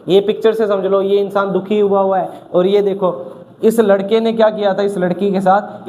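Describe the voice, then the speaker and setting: A man's voice: high-pitched, a little mellow. A male teacher giving a vocabulary lesson to exam students, asking questions and then answering them himself. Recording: dull lo-fi sound with faint noise.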